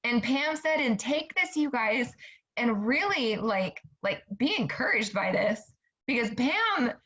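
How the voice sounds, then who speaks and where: A woman's voice: fairly high pitch, animated, measured pace, fairly bright tone, highs cut off. A woman in her thirties giving a motivational talk to her sales team, chatty and upbeat, often turning to her listeners directly. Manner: chatty, upbeat, keeps saying "you guys". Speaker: network marketing team leader.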